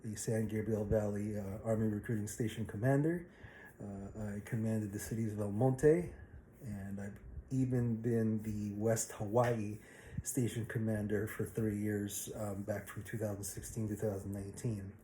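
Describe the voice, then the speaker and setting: A man in his forties from the Philippines introducing himself to a class in a casual, halting way with many fillers. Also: fairly low pitch, warm tone, reverberant, slight background noise, poor audio. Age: 40s.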